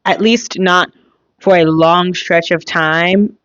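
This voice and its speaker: Young woman rambling casually on her solo podcast, lowish voice, dry kinda muffled sound. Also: fairly even intonation, takes it slowly, a bit bright, no room sound. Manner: chatty and rambling, with many fillers and trailing thoughts. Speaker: podcast host.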